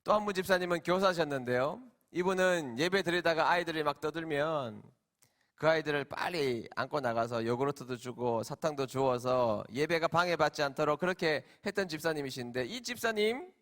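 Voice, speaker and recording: Middle-aged pastor guy preaching, kinda high voice, goes loud then drops real quiet. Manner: emotional storytelling, swinging from loud emphasis to hushed quiet. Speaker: senior pastor. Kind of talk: sermon.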